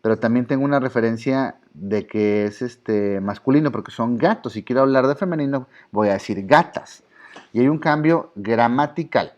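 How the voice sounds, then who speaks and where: A male teacher, explaining a lesson and often pausing with fillers and restarts. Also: medium pitch. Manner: explanatory, with frequent "este" fillers and self-corrections. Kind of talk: recorded online lesson. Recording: slightly dull lo-fi audio.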